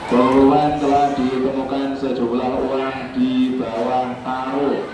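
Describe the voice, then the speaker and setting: A man making a formal announcement over a school loudspeaker, reading out students' names in an even, formal tone. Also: medium pitch, a little slow, a crowd in the background. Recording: echoey loudspeaker from far off, noisy.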